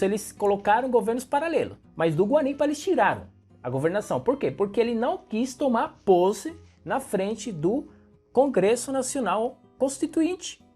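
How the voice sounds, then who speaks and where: A young Venezuelan man, a native Spanish speaker with a Venezuelan Spanish accent, delivers emphatic political commentary directly to the viewer. His voice is high-pitched, a little mellow, and husky.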